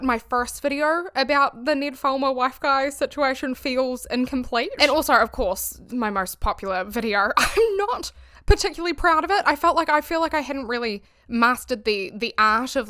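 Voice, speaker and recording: This YouTube commentary host is a Kiwi-accented woman from New Zealand, vlogging casually in her bedroom. Her pitch runs on the high side, sounding pushed and bright. She chats freely, leans heavily on fillers, and laughs between phrases.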